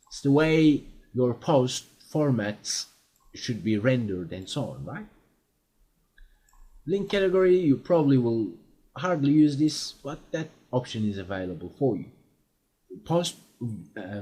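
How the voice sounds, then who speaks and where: In his screen-recorded software tutorial, a male instructor with a husky, medium-pitched voice walks through explanations, using fillers and quickly checking that viewers follow.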